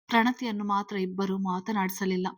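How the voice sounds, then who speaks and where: Even-voiced woman reading a story. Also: mid-range voice, normal speed, no room sound. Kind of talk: scripted story narration.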